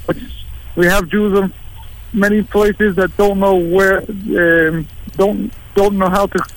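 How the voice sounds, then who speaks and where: A man from England, a rabbi, speaking as a guest in a live radio interview, relaxed and plain-spoken, sometimes halting. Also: high-pitched, low-quality recording. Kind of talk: interview by phone, live remote.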